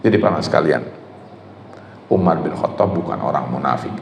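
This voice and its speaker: A man giving a religious lecture, explaining texts and speaking directly to his audience with animated retelling. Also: extremely low pitch, a little fast, creaky, a little hiss or hum. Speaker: preacher. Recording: echoey hall with faint ambience.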